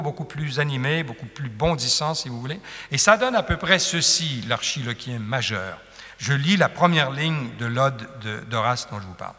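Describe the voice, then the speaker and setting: Bright-voiced man lecturing in a reverberant hall. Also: fairly high pitch. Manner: explains patiently, taps out rhythms with syllables. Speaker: lecturer on Latin poetry. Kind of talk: classroom lecture.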